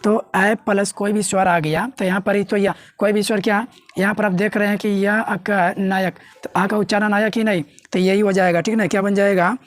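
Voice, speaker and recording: A woman's voice: mid-range voice, fairly even intonation, moderate pace, hardly any pauses, no echo. A woman teaching a grammar lesson, often asking herself questions and answering them. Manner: asks and answers her own questions. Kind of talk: classroom lesson explaining at a board.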